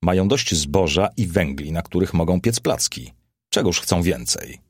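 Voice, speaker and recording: A capricious Roman emperor from an audiobook, put on by a male reader, declaiming with vain theatrical flourish. The voice stays low but lifts toward the top of its range, with a husky grain and a dry, close sound. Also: expressive, moderate pace, no echo.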